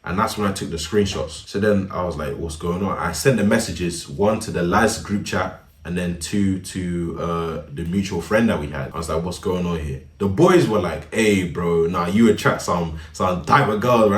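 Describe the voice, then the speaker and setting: Deep-voiced young man, roomy. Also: a little fast, recorded from a distance. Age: young adult. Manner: laid-back slangy, laughs often. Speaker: storyteller. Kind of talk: casual storytime narration. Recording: roomy, a bit off-mic.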